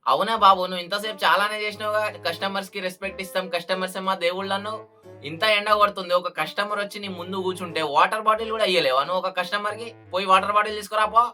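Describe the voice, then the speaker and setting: A man's voice: sits high, steady tone, racing, faint music behind. A man playing a rude, erratic young male customer in a comedy skit, speaking in a bossy, mocking way. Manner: bossy, mocking, loud demands.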